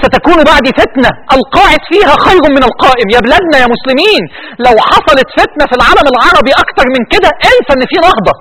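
A man's voice: very high-pitched, fairly bright tone, low-quality recording. A man with an Egyptian accent giving a fervent televised religious talk as a preacher, pleading and repeating phrases for emphasis. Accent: Egyptian Arabic.

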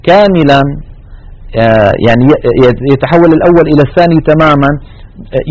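Man, recitation teacher, slightly high voice, dry close recording, patient explaining, slow drawn-out recited examples. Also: a little mellow, no echo, highs cut off. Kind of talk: tajweed lesson with recited examples.

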